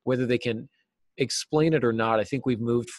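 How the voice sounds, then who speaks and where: The sound is studio quality with no room sound, though this middle-aged American man from the United States is on a video call from a small cluttered office indoors. A novelist and teacher, he answers interview questions casually and thoughtfully in a mid-range voice at normal speed.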